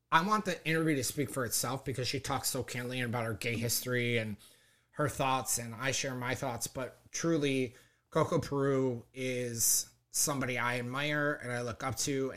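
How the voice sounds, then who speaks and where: A man with a mid-pitched voice hosts a podcast. He speaks conversationally and gushes with open admiration, piling on emphatic praise. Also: fairly bright tone. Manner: effusive, gushing. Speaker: podcast host.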